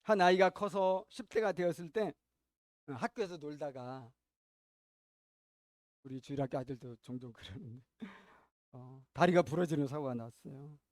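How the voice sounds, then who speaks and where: A man preaching a sermon as pastor, telling a story with sharp swings between loud and quiet and asking the congregation questions. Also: on the high side, moderate pace, long pauses, no room sound, studio quality.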